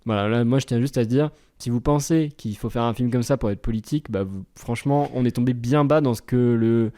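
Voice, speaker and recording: Young dude on a movie podcast, warm darkish voice, reads critics out loud then snarks at em. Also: male voice, medium pitch, fairly quick. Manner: reads press reviews aloud, then comments sardonically. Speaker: co-host film critic. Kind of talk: casual podcast chat.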